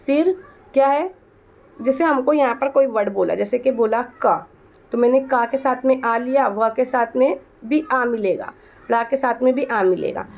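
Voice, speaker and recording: A woman teaches an exam lesson in a slightly high, gravelly voice. She keeps asking her students questions and answering them herself, going over each point again and again. She is firm but coaxing, and calls her students "beta". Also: animated, unhurried, darkish tone. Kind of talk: exam-prep lesson explaining a paper.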